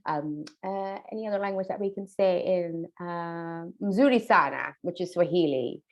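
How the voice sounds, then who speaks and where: A woman's voice: fairly low pitch, steady tone, moderate pace, dark tone, poor audio. A woman from a charity chatting casually and enthusiastically, with lots of fillers and restarts. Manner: enthusiastic, effusive, many fillers. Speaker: charity staff member. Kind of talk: casual conversation.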